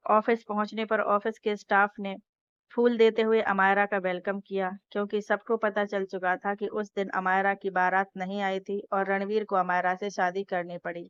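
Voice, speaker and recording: A woman storyteller reading a family drama story aloud in a steady, even narrating manner. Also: medium pitch, moderate pace, clear, resonant tone, no room sound. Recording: dull lo-fi dry recording.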